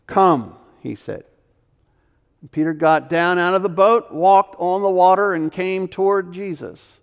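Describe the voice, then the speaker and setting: Man preaching with a raspy edge, urgent then hushed, lively reverb of a large church. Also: sits high, measured pace. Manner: emphatic preaching with sudden loud and hushed turns. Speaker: pastor. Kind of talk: sermon.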